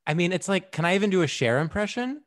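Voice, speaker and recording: A man's voice: high-pitched, expressive, quick pace. A man co-hosting a podcast in casual comedic chat, wry and self-deprecating. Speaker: podcast co-host.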